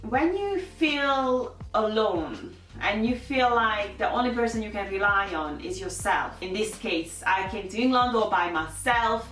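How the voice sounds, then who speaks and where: This vlogger, a thirty-something woman from Hungary with a matching accent, recounts her life story openly to the camera, full of fillers and restarts. Her medium-pitched, fairly bright voice is animated and a little slow, barely pausing. Faint music plays in a roomy recording made with a distant mic.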